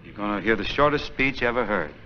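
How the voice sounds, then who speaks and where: Easygoing priest, teasing and warm-humored, swinging pitch, played by a man; old film sound, dull with hiss. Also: animated, fast, close to an everyday voice. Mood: breezy. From Missouri, United States. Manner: easygoing, jovial, gently teasing. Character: breezy, good-humored young male priest. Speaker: parish priest. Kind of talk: 1940s film acting. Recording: muffled, hissy 1940s film soundtrack.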